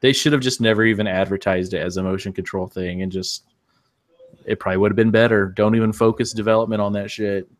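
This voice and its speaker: Brief: man, relaxed gaming podcast co-host, lowish voice, blunt opinions. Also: fast. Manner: laid-back, opinionated, chuckling. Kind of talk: casual gaming chat.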